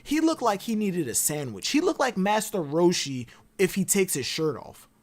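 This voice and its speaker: A guest on a livestreamed talk show, chatting casually about anime theories in an animated way and wandering off on side tangents. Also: mid-range voice, moderate pace. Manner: rambling and animated, full of digressions. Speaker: podcast guest.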